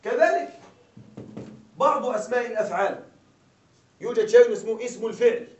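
In a classroom lecture, a male grammar teacher with a very high, animated, brisk voice and a darkish tone keeps repeating questions to make sure the class is following. He is recorded from a distance, and the room sounds echoey and dull, with a little hiss or hum.

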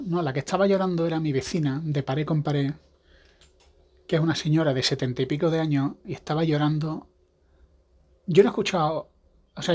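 A man's voice: a little high, darkish tone, breathy edge. A man hosting a podcast, talking in a rambling, casual monologue with frequent restarts. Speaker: podcast host; evangelical pastor.

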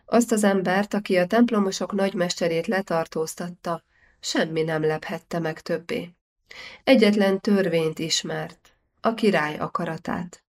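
A woman reading a historical novel aloud as an audiobook narrator, measured and steady. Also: on the low side. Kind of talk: scripted narration.

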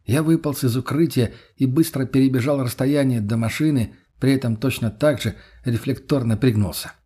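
Husky guy reading a first-person audiobook, mid pitch, steady. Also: moderate pace. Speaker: narrator. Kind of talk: audiobook narration.

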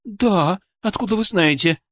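A woman's voice: on the low side, a little fast, dry recording, studio quality, voice pushed up, natural voice. A man voicing a frightened woman in her fifties, the anxious wife of a hospital patient, who speaks with a trembling voice. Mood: eager. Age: 50s.

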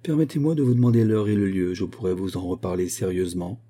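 Brief: a man voicing an agitated young aristocrat, pressing questions in a husky, dark voice. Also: sits low, fairly even intonation, quick pace. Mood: troubled. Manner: troubled, insistent questioning. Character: rich young English lord, moved and jealous.

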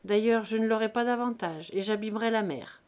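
A hearty, brusque country veterinarian, as a woman reading the novel puts him on, loud and raised in pitch, scolding the family with rough good humour. The storybook voice stays high and carries a lot of force. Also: a little fast, lightly acted. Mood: jovial scolding. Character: jovial blunt country veterinarian man, middle-aged.

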